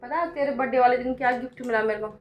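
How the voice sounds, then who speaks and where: A woman's voice: on the high side, racing, dull audio. A middle-aged woman, chatting homely to camera in a vlog and often tagging questions to her viewers. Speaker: family vlogger. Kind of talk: casual vlog narration. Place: city streets and home.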